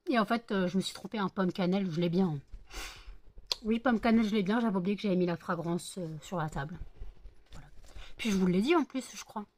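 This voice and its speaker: A woman's voice: mid-range voice, brisk, long pauses, darkish tone. A worn-out woman chatting casually in a home vlog, rambling and repeating herself after a sleepless night of work. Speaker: vlogger making scented wax melts.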